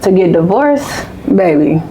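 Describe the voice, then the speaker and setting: A woman's voice: lowish voice, very animated, a little slow, dark tone, a little hiss or hum, poor audio. A woman in her late twenties or thirties, co-hosting a podcast in candid, emphatic casual conversation. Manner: candid, emphatic, repeats phrases. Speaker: podcast co-host.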